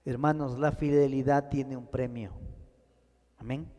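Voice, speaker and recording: A man's voice: medium pitch, steady tone, unhurried, mellow, big-room sound. A man preaching a sermon in a church, speaking to the congregation as brothers with rising and falling emphasis. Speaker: pastor.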